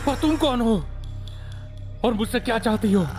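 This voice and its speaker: Horror audio drama: man as an anxious lovesick young man, highish, broken Hindi with English. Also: animated, moderate pace, a little mellow, faint music behind.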